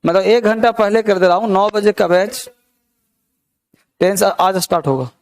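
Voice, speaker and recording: A man's voice: high voice, normal speed, no echo, clean studio sound. A young man teaching an English grammar class, explaining step by step and asking the students many rhetorical questions. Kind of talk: classroom lesson.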